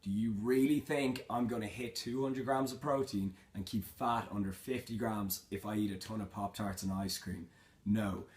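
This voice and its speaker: Young man, fairly low voice, casual vlogger Q&A, reads and answers questions, plain-spoken, slangy. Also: fairly even intonation, normal speed, darkish tone. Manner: informal, matter-of-fact, slangy. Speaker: fitness vlogger.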